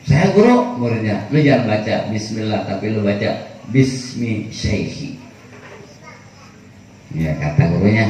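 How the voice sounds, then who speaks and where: A man's voice: on the low side, darkish tone. A man preaching, teaching in loose, slangy storytelling. He is heard from a distance in a very echoey room. A faint hiss runs under his voice. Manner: casual storytelling with Betawi slang. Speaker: kiai teaching a kitab study. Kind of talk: sermon.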